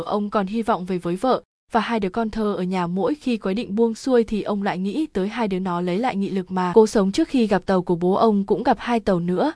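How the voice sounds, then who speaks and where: Woman narrating a story in a warm voice. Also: mid-range voice, no room sound, studio quality.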